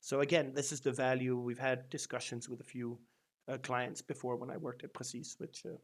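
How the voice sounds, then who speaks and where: A Danish man hosts a casual SEO news roundup on his channel, rambling loosely with many ums and false starts. His voice is medium-pitched and steady, and he talks fairly quickly.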